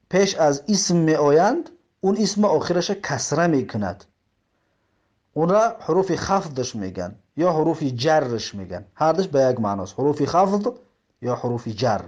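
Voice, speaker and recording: Tajik guy teaching grammar, voice sits kinda high and bounces around a lot, repeats every example. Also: very animated, a little mellow, dull audio. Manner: explains step by step, repeating terms and examples; reads the Arabic text slowly, word by word. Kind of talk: religious grammar lesson.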